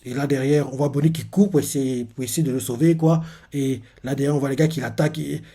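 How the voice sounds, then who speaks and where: A man's voice: mid-range voice, fairly even intonation, fast, dark tone, breathy edge. A man hosting a live manga reaction. He retells a comic chapter in casual, rambling talk full of filler words and restarts.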